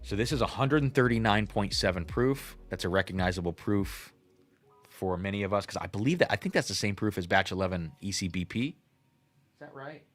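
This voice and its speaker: A man's voice: lowish voice, expressive, brisk. A man in his thirties hosting a casual livestream tasting, thinking aloud and reacting to chat. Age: 30s. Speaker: host.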